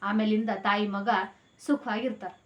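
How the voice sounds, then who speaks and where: A woman's voice: mid-range voice, fairly even intonation, moderate pace, dull audio. Woman telling a motivational story. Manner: conversational, repetitive, addresses listeners directly.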